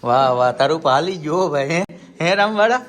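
Host: man, quick and fairly high voice, joking phone-vlog chat outdoors with faint ambience. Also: lively intonation, a bit bright. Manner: chatty, joking, addresses viewers as family. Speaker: vlogger host. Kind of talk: casual family travel vlog. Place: outdoors at a temple and village homes.

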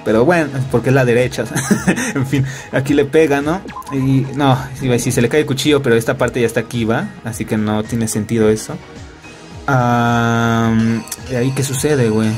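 A man's voice: mid-range voice, normal speed, faint music behind. A young man with a Mexican Spanish accent doing casual, joking gameplay commentary, padded with fillers and tag questions. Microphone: laptop recording.

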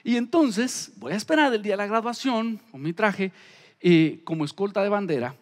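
A middle-aged man, a pastor preaching a storytelling sermon, animated, acting out the voices he quotes. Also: high voice, normal speed, long reverb tail.

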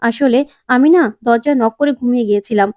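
A woman's voice: on the high side, fast talker, mellow, no room sound, close to an everyday voice. A woman reading the lines of a scheming young woman who fakes illness, in a whiny tone.

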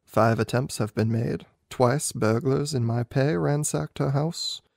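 A man's voice: mid-range voice, a little slow, gravelly, darkish tone, dry recording, studio quality. A man voicing an anxious, proud young king in a storybook reading, solemn and emphatic. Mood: regretful. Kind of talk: amateur audiobook character reading.

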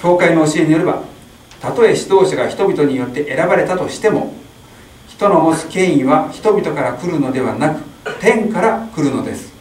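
A middle-aged man reading a translation of a sermon aloud in a small chapel, steady with small slips. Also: fairly high pitch, moderate pace, a little hiss or hum. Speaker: interpreter at a Mass. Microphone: stand mic. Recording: echoey chapel, distant mic.

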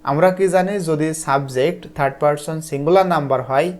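A teacher from Bangladesh explaining textbook answers to students, reading English lines slowly, then translating them and often checking that they follow. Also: medium pitch, darkish tone. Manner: patient, repeats "ঠিক আছে?" to check understanding.

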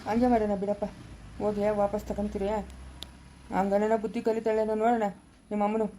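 Woman playing an older father-in-law, weary, grumbling, mellow voice, quick delivery, rural family drama. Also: medium pitch, flat delivery, slight background noise, lightly acted. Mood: resigned.

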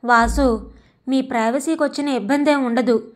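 Meek, soft-spoken old father, slow and humble, read by a woman narrator; story reading. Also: sits high, steady tone, natural voice. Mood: gentle. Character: older father, gentle and humble.

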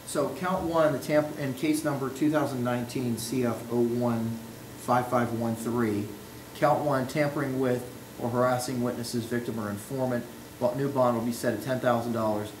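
Male judge, mid-pitched, heard on a roomy courtroom recording, calm procedural delivery. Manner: measured, procedural, reads case numbers. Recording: echoey courtroom audio, faint noise.

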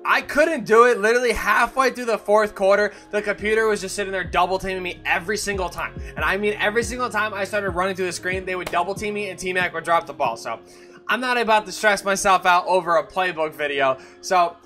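A man's voice: high-pitched, fast, sharp tone, faint music behind. A young man talking casually through a video game tutorial for his channel, chatty and full of fillers and self-corrections. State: has the hiccups. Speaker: gaming YouTuber. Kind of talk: casual gameplay tutorial commentary.

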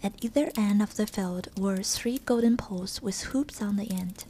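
A woman giving a soft, whispered ASMR reading of a storybook. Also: medium pitch, moderate pace, a little hiss or hum, poor audio.

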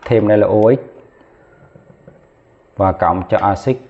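Low-voiced male chemistry teacher, tinny audio. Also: a little slow, gravelly. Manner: talks while writing, counts aloud, corrects himself mid-step. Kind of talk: lesson at a whiteboard.

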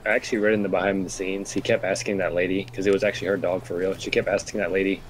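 A young man chatting in a relaxed way and telling stories while gaming with a friend. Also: deep voice, rapid-fire. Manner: laid-back, chuckling storyteller. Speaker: gaming co-host. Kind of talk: casual gameplay chat.

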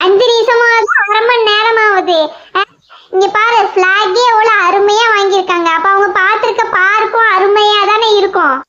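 A very high, piping cartoon girl, voiced by a woman who flares up fast and scolds in a rapid-fire run of complaints. The sound is muffled and lo-fi, like a cheaply made animation track. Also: steady tone, pushed and bright. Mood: exasperated. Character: hot-tempered young girl, quick to shout. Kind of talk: children's cartoon voice acting.

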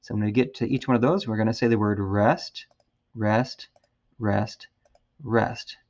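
A man teaching a beginner trombone lesson, patient and encouraging, counting out loud with his students. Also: lowish voice, steady tone, fast talker, dull audio. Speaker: music teacher.

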